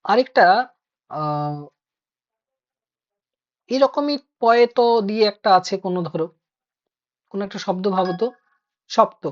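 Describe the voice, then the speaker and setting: A woman's voice: medium pitch, lively intonation, a little slow, long pauses. A woman teacher in an online class, explaining step by step and asking her students questions. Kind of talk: online Bengali grammar class. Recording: dull lo-fi online class audio.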